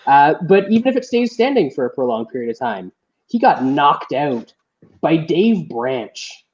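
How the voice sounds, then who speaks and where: A man's voice: fairly high pitch, very animated, unhurried, darkish tone, muffled recording. A man co-hosting a podcast, giving blunt, confident betting picks with lots of "uh"s. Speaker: podcast co-host. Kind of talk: casual fight-analysis chat.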